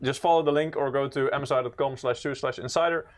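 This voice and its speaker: A man co-hosting a casual livestream, relaxed and teasing, often restarting his words. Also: mid-range voice, fast talker. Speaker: co-host.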